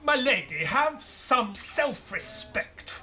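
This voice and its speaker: Man as slow, prim Watson. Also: very high voice, big pitch swings, sharp tone, exaggerated voice. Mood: indignant. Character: prim, indignant Victorian gentleman doctor, detective's companion. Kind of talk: scripted audio play acting.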